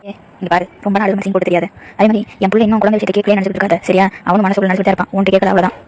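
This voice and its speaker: A woman's voice: mid-range voice, little pitch movement, racing, darkish tone, lightly acted. A woman voicing a bitter, scolding middle-aged mother-in-law who nags with reproachful questions. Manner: reproachful, nagging, hurled rhetorical questions.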